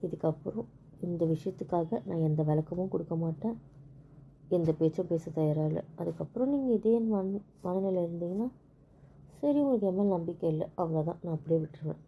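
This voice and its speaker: A woman talking with her husband in a casual couple conversation, explaining things patiently and calmly. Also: lowish voice, brisk, a little hiss or hum. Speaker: wife.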